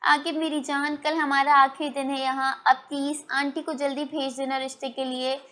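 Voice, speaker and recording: A woman's voice: sits high, flat delivery, moderate pace, fairly bright tone. A woman voicing a stubborn young woman in love, pleading and defiant in a storybook reading.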